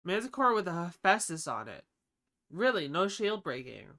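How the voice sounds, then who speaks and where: A man who just woke up gives casual live game commentary on stream, rambling chattily, thinking aloud and answering chat in a stuffy, congested nasal voice. It sits high and sounds sing-song, bright and forceful, at normal speed.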